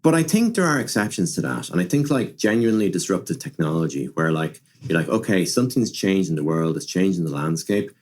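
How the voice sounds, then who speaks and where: A machine learning director appears as an expert podcast guest, explaining products and technology conversationally and often repeating and rephrasing himself with plenty of "like" and "you know". His low-sitting voice is sing-song and a little mellow, fairly quick with few pauses.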